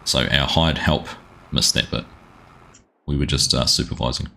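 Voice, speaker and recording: With a forceful, bright, creaky voice pitched extremely low, this New Zealand gaming livestreamer speaks at a normal speed and fairly even intonation. He rambles casually with his viewers during a farming game, greeting them by name, in his New Zealand accent.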